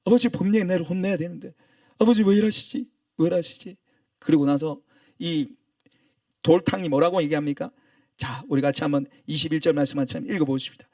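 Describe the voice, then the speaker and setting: A male pastor with a Gyeongsang Korean accent delivers a sermon, telling a story with feeling and acting out its voices. His voice sits fairly high. The recording is dry and he stands a bit away from the mic. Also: fast, dry recording, far from the mic. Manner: emotional storytelling with acted-out quotes.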